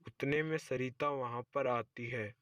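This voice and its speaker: A man's voice: mid-range voice, fairly even intonation, unhurried, fairly bright tone, no room sound. A man narrating a simple cartoon story in plain storytelling.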